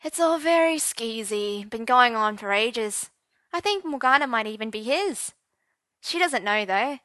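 A woman's voice: on the high side, pushed and bright, dry recording. A woman voicing a chatty school secretary who gossips eagerly and prattles on. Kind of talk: audiobook character voice.

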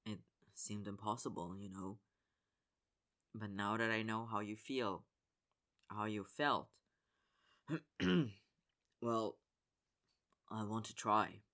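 A man voicing a soft, pleading young man. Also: lowish voice, takes it slowly, pauses often, pitched below the performer's own voice. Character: earnest, apologetic young man, hockey player.

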